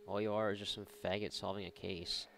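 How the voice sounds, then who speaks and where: Playing a video game, the host talks casually and sarcastically, often swearing, in a brisk, gravelly voice. It's fairly low-pitched and fairly bright with little pitch movement, over a slight hiss or hum.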